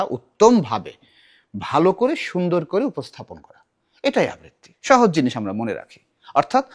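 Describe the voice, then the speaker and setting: A middle-aged man teaching a children's recitation class, animated and asking the class many questions. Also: fairly high pitch.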